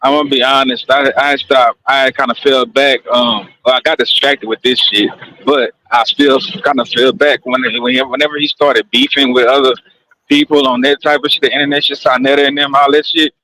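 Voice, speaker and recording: A man's voice: medium pitch, little pitch movement, normal speed, bright, forceful tone, a little hiss or hum, rough recording. A man in casual live stream chat, laid-back and profane, stumbling over his sentence starts.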